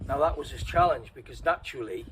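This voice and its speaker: A man's voice: fairly high pitch, lively intonation, quick pace, noisy background. Man telling a story. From Redcar, North East England. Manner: rambling, self-correcting, laughs at himself. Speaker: interviewee and co-host. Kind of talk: casual storytelling chat.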